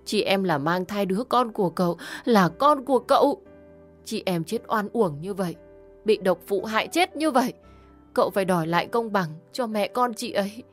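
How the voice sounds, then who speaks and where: A woman voicing a grieving young woman who wails and accuses, pitched well above her own voice and loud. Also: flat delivery, normal speed, hardly any pauses, soft background music, lightly acted. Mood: wailing. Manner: wailing, accusing.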